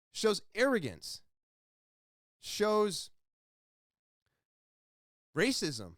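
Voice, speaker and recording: Podcast host, male, passionate solo rant, wide swinging pitch, unhurried delivery. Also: clear, resonant tone, dry recording, clean studio sound. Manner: impassioned, ranting, then quiet and somber. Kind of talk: solo opinion monologue.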